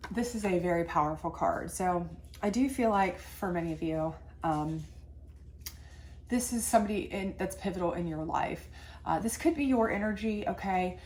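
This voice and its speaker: With a lowish, stuffed-up voice from a sinus infection, a tarot reader chats through a soothing love reading on camera, full of asides and filler words. A faint hiss or hum runs underneath.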